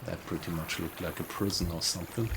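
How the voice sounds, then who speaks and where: Man, very low gravelly voice, casual game commentary, thinking aloud, noisy background. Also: fairly even intonation, fast. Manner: musing to himself, asking himself questions. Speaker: gaming video host.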